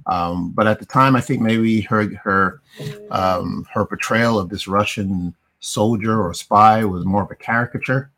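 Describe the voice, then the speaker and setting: A middle-aged man with a fairly low voice hosts a relaxed film review. He rambles, circling back with fillers and restarts as he works through his points. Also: unhurried. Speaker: podcast host. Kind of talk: casual movie review chat.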